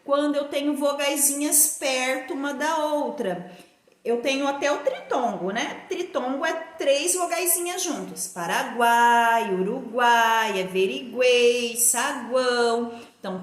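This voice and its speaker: A woman teacher, giving a recorded grammar lesson slowly and patiently, stretching out words for her pupils. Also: sits high, fairly bright tone. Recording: echoey room.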